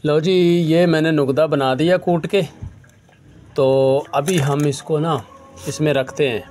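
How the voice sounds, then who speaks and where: A herbal medicine practitioner with a Punjabi-influenced Urdu accent gives a casual, hands-on remedy demonstration, calling viewers brother. His voice is a little high, steady, slow, and darkish, and he keeps saying "lo ji" and "bhaijaan" as faint music plays behind him.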